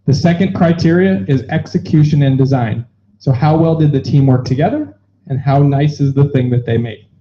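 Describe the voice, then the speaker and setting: Explaining the rules to an audience, this man keeps things upbeat, cracking jokes and tossing in quick asides as he facilitates an event. His voice is on the high side but dark in tone, and the recording sounds dull and lo-fi.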